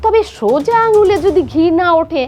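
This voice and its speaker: High-pitched, scolding Bangladeshi mother-in-law. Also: expressive, moderate pace, mellow. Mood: angry, accusing. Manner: scolding, haranguing. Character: harsh, accusing mother-in-law, quick to rage. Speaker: actor. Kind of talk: melodramatic short film acting.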